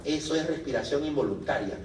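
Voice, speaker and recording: A man gives a medical lecture, voice a little high and lively. He keeps asking the class questions and answering them himself. The sound is roomy and picked up from across the classroom. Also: fairly quick, a little hiss or hum. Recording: echoey room from a distance.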